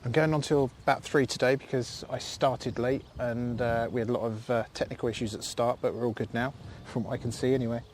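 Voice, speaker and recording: A man's voice: mid-range voice, steady tone, fast talker, few pauses, slight background noise. A man hosting a casual live stream from a field, chatty and thankful, rambling with fillers. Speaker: livestream host. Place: outdoors in a field.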